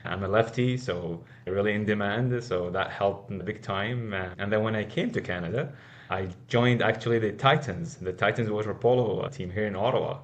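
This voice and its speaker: Man, podcast guest, earnest, lowish voice, restarts and repeats himself. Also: normal speed. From Iraq. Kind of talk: casual interview answers.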